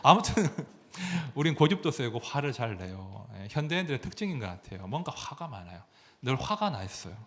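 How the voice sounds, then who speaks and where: A man's voice: mid-range voice, big pitch swings, fairly quick, a bit bright. A man, a pastor, preaching a sermon, asking the congregation questions as he goes.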